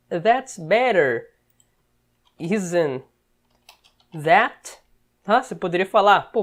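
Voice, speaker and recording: A woman with a Brazilian Portuguese accent and a medium-pitched voice teaches English by explaining film dialogue. She checks in often with short tags and repeats words slowly to model them.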